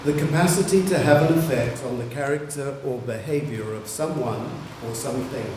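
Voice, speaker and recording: Male spelling bee pronouncer, mid-pitched, careful deliberate enunciation, recorded in a reverberant hall. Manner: slow, careful enunciation of each word. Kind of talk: reading words, definitions and sentences aloud. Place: large museum hall. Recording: echoey hall, faint room noise.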